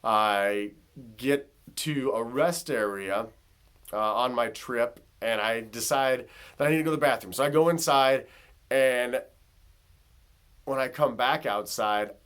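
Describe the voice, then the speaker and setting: A man with a fairly low voice recounts his personal story straight to camera. He talks loosely and casually, with plenty of filler words and conversational asides. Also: fairly bright tone. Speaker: vlogger.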